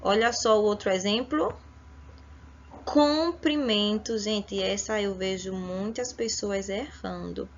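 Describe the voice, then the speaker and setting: Slow, patient woman teaching a lesson. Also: medium pitch, steady tone, lo-fi sound, a little hiss or hum. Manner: slow, explanatory, affectionate asides to pupils. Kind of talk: online school lesson.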